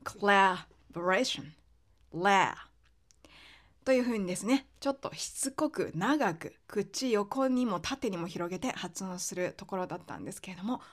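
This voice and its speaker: A woman's voice: mid-range voice, expressive, darkish tone. Patient woman teaching pronunciation. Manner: patient, explanatory, with frequent fillers; slows down to demonstrate English sounds. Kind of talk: explanatory podcast lesson.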